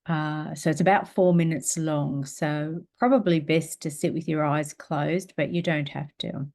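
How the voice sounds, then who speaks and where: A woman teaching a spiritual class, guiding a meditation in a slow, calm, gentle way and reading aloud. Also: sits low.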